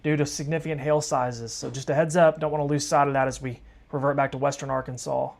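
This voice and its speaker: A man's voice: medium pitch, little pitch movement, fast, creaky. A tired man hosting live weather coverage, chatting casually and calling viewers folks. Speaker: storm-tracking livestream host.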